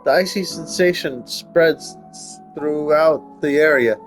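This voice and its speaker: A man on the high side speaks slowly in a gaming video, with faint music underneath. His casual commentary blends thinking aloud with reading the game's story out loud while playing.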